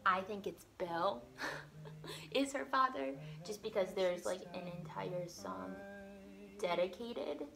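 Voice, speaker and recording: A woman's voice: medium pitch, slow, creaky, fairly bright tone. A young woman chatting casually in a vlog while doing her makeup, rambling and filling her speech with "like". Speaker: vlogger and stage actress. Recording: music playing under the voice.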